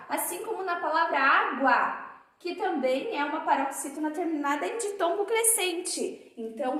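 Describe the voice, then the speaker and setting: Brief: woman, primary teacher for a remote lesson, unhurried, drawn-out words, high voice, echoey room. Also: fairly bright tone. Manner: slow, drawn-out sounding of words for children; affectionate, calls pupils dear.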